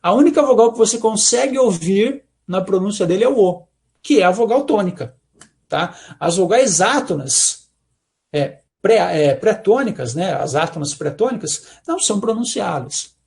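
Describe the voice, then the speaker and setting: A man from Brazil with a Brazilian Portuguese accent, giving an academic talk in an explanatory way and often ending points with a quick check-in question. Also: high voice, lively intonation, gravelly, darkish tone. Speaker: lecturer.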